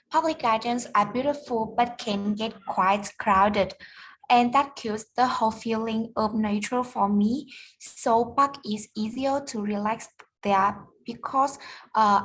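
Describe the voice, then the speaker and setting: A woman with a Vietnamese accent answers practice questions in English slowly and carefully, with hesitant fillers. Her voice is fairly high, and faint background noise sits behind it. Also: a bit bright, rough recording. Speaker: student.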